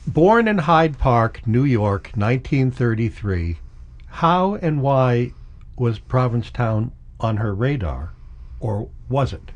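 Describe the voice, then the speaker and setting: Animated middle-aged man hosting an interview. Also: mid-range voice, slow, dull audio. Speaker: interview host. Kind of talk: conversational interview.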